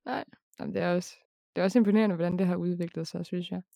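A young woman hosting a casual podcast chat, chatty and quick to laugh, with casual swearing. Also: lowish voice, fairly even intonation, vocal fry, warm tone, no echo, clean studio sound. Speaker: podcast host.

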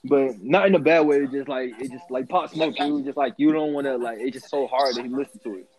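A man's voice: mid-range voice, brisk, a little mellow, poor audio. A man in his twenties hosting with casual, slangy interview banter. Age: 20s. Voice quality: slangy delivery. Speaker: host.

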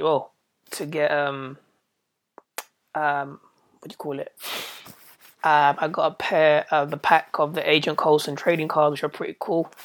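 A British podcast host with a slightly hoarse voice after an illness, chatting casually in a rambling, slangy way and often stumbling over and repeating words. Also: mid-range voice.

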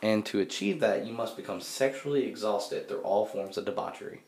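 A man's voice: lowish voice, brisk, gravelly, a little mellow. A young man co-hosting a casual podcast, reading from notes with lots of fillers and easy laughter. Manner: reads notes with many fillers, laughs easily. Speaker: podcast co-host presenting the topic.

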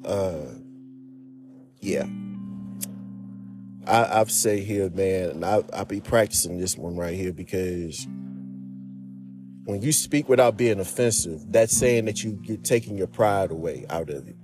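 A man's voice: low-pitched, a little slow, long pauses, music in the background. A man talking earnestly and casually to his viewers, giving marriage and relationship advice and often calling them "man" and "y'all". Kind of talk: casual heartfelt advice talk.

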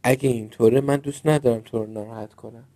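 A man voicing a kind young female fairy in training, speaking gently and soothingly in a storybook reading. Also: medium pitch, fairly even intonation, lightly acted. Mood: sad.

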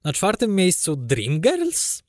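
A man's voice: high voice, huge pitch swings, slow pace, a little mellow, no room sound, clean studio sound. A man co-hosting a podcast, chatting casually about film with sarcastic, exasperated rants. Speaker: podcast co-host.

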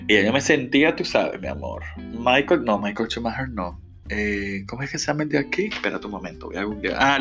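A young man with a Venezuelan accent telling a personal story at home, chatty and expressive, swearing freely and calling his listeners "my love". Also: mid-range voice. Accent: Venezuelan Spanish. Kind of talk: casual storytelling monologue.

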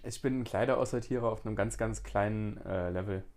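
A man's voice: lowish voice, steady tone, a little fast, darkish tone. A man in his mid-twenties co-hosting a podcast, chatting casually and stumbling over his words. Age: 20s. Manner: hesitant, repeats words. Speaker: podcast co-host. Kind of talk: casual chat.

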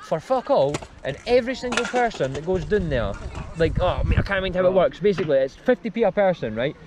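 A man's voice: high voice, expressive, fast, noisy background. A young Scottish man hosting a casual podcast chat, talking loosely and swearing, with bro and mate in nearly every sentence. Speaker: podcast host.

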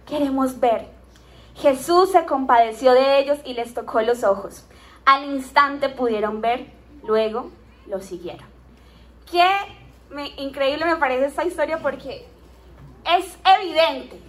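A woman preaching a sermon, lively and talking straight to the congregation with playful asides. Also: high voice.

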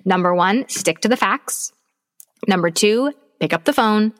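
A woman's voice: medium pitch, animated, measured pace. A woman co-hosting a business podcast, giving advice in an emphatic, coaching way and repeating her key points. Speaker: podcast co-host. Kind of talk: casual business podcast chat.

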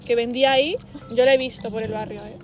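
A young woman, telling stories in lively casual podcast chat, full of slang fillers. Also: on the high side, quick pace, faint music behind. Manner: animated storytelling with slang fillers. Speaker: podcast co-host.

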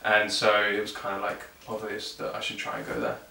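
Bright-voiced southern English man, roomy sound. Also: lowish voice, very animated, brisk, creaky. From England, South London and Surrey. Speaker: musician interview guest. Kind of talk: casual chat interview. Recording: echoey room, distant mic.

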